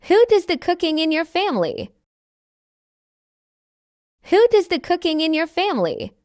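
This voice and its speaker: A woman reading a friendly learner's part in a scripted practice dialogue for English learners, speaking slowly and carefully enunciating each line. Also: very high voice, big pitch swings, darkish tone, no echo, clean studio sound, exaggerated voice. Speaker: dialogue reader.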